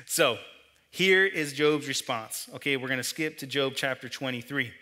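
A young man giving a casual youth sermon, chatty and joking, with quick asides to the room, acting out the friends' lines in a mocking tone. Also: medium pitch, sharp tone. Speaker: youth pastor.

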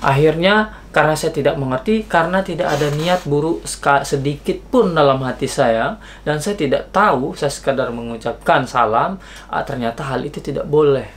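A young man from Indonesia, telling a story in a casual vlog, slangy and animated, acting out the people in it. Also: a little high, normal speed, a little hiss or hum. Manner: slangy, animated, acts out quoted dialogue. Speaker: vlogger.

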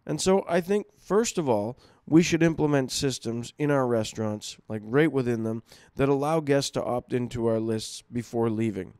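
A man's voice: mid-range voice, normal speed, a little mellow, smooth, no room sound, studio quality. A man presenting a marketing webinar in a conversational, loose way, with many ums and restarts. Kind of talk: unscripted webinar talk.

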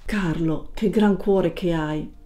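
A woman playing a busy, grateful female neighbor who speaks in a friendly, hurried way, in an Italian film dub. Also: on the low side, warm tone, soft background music.

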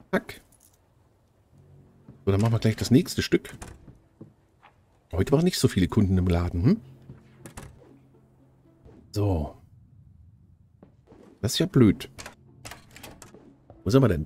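Lively man narrating his gameplay. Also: fairly low pitch, slow, long pauses, a little hiss or hum. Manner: chatty, urging himself on. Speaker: let's play host. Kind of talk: casual gameplay commentary.

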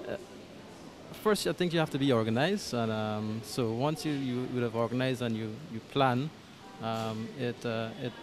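The parish coordinator, a Guyanese man in his thirties, talks at a normal speed in a medium pitch, with a little hiss or hum on the audio. Interviewed in a small church hall, he speaks into a handheld mic held by the interviewer, hesitating with frequent ums and restarts.

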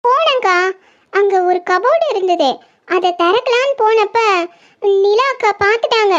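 A woman's voice: very high voice, normal speed, fairly bright tone, pitched above the performer's own voice. A woman voicing a timid young girl in a cartoon who stammers and pleads after being caught snooping. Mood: anxious. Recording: slightly dull lo-fi audio.

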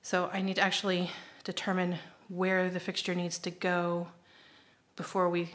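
Her voice lowish, monotone, and fairly bright, a middle-aged homestead vlogger moves at a moderate pace through a casual update on her indoor kitchen renovation. She points out details with lots of ums while recording on a handheld phone at arm's length.

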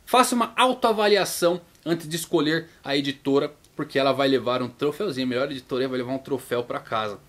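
A man's voice: fast, hardly any pauses. Chatty Brazilian man hosting a vlog. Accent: Brazilian Portuguese. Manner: chatty, acts out viewers' questions in a higher voice. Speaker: YouTube manga channel host. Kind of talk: casual vlog talk to viewers.

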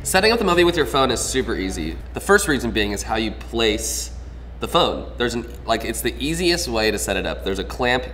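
A mid-pitched young man co-hosting a gear review in a playful, joking way, with background music running under his voice. He talks in loose, hyped slang. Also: very animated, brisk, a bit bright. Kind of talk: casual product review chat.

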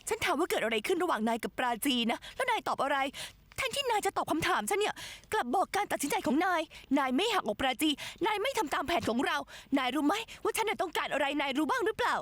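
A shrill hot-tempered young woman. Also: very animated, fast talker, few pauses, fairly bright tone, no echo, heavily acted. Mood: angry. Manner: accusing, insistent questioning. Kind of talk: Thai dubbing of a TV drama.

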